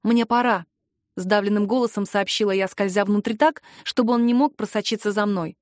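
A woman's voice: medium pitch, steady tone, fairly quick, darkish tone, no room sound, studio quality. A woman narrating a first-person novel as an audiobook, reading expressively and acting out the heroine's own lines.

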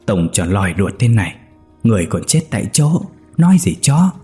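A man voicing a tense rural husband who talks bluntly and gruffly. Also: lowish voice, very animated, a little fast, faint music behind. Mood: grim. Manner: blunt, shouting when alarmed.

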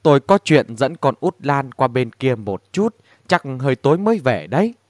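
Anxious mother, urgent, lively pitch, dry close sound, read by a man. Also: normal speed, dry recording, natural voice. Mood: worried. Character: anxious middle-aged mother.

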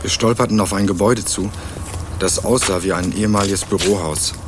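With a deep, brisk voice close to everyday speech, a young man narrates and stars in a first-person radio crime drama, over a noisy background. His character is a guarded, few-worded student from Berlin, and the drama's tone is matter-of-fact, mixing narration with dialogue.

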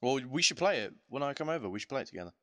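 A man's voice: medium pitch, sing-song, very fast, fairly bright tone, dry recording, clean studio sound. A young man co-hosting a casual gaming podcast. He talks in a jokey, laid-back way and chuckles often. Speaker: podcast co-host.

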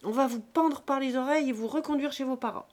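A woman reading an audiobook and voicing a stern old peasant man who gruffly scolds children, pitched higher and louder than her narration. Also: fast talker, natural voice. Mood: scolding.

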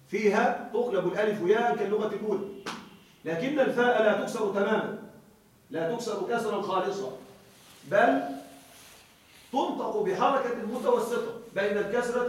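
A man teaching a grammar class, explaining slowly, repeating key words and checking that students follow. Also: sits high. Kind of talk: classroom lecture. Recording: very echoey room, voice far from mic.

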